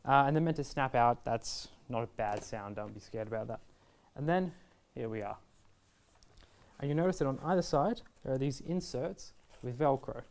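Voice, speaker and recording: A man in his twenties, standing at a table in an indoor shop video studio, explains a product step by step in an easygoing, reassuring style. His mid-range voice is gravelly and a little mellow, animated, and moderately paced.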